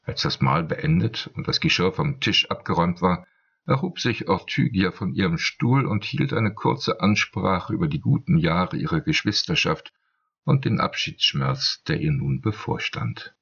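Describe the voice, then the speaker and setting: A man narrating an audiobook in a steady storytelling manner. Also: sits low, measured pace, gravelly, breathy edge, lo-fi sound. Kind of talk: scripted narration.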